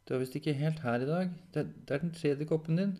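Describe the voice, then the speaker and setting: A man voicing a caring, worried woman in an audiobook story, gentle and soothing. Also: fairly high pitch, pitched above the performer's own voice, close to an everyday voice. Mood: concerned. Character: caring, worried woman looking after him.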